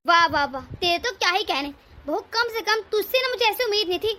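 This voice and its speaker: A woman's voice: very high-pitched, animated, fairly quick, sharp tone, heavily acted. A woman voicing a bossy, stingy elderly mother-in-law in a cartoon story, scolding and melodramatic. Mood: angry. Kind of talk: cartoon voice acting.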